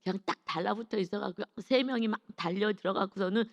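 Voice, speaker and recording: A woman's voice: mid-range voice, quick pace, big-room sound, dull audio. A woman pastor giving an early-morning sermon in a conversational preaching style, often acting out what people say. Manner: conversational preaching with acted quotes.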